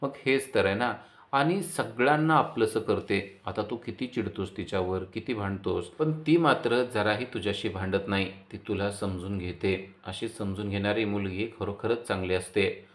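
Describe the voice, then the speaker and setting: A man's voice: fairly low pitch, moderate pace, natural voice. A man voicing a grown woman, an affectionate elder sister who scolds and teases her younger brother. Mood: fond. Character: adult woman, loving elder sister, teasing.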